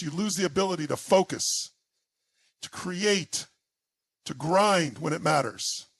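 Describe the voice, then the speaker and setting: A man's voice: high-pitched, creaky, no room sound. A man giving an intense motivational speech in short, emphatic, punchy phrases. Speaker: motivational speaker.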